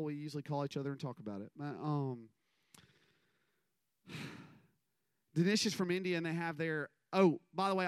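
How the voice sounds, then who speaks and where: A man's voice: on the high side, clean tone, dry recording. A man, giving a casual, rambling sermon full of stories and self-deprecating asides. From American South. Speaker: minister.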